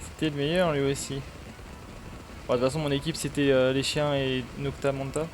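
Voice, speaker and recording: A man's voice: medium pitch, little pitch movement, normal speed, noisy background. A man chatting casually on a gaming stream, rambling with lots of fillers.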